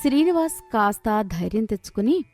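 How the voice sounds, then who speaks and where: A woman narrating a children's moral cartoon story in a steady, measured way. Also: on the high side, soft background music.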